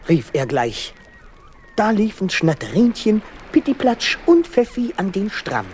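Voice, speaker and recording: A man narrating a children's story in a slow, lilting, expressive way. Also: high voice, a little hiss or hum.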